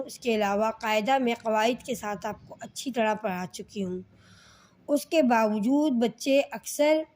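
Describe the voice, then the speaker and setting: A woman with a Pakistani accent gives a reading lesson to children. Her voice sits high and bright, and she speaks slowly, drawing out each letter sound and often asking whether the class has understood. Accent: Pakistani Urdu. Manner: slow, patient, repeats sounds and asks "okay children?". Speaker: Quran reading teacher.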